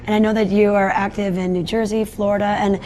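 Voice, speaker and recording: Brief: woman host, mid-pitched, chatty, morning TV interview. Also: flat delivery, quick pace, dark tone, a little hiss or hum. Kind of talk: upbeat TV interview. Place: TV studio.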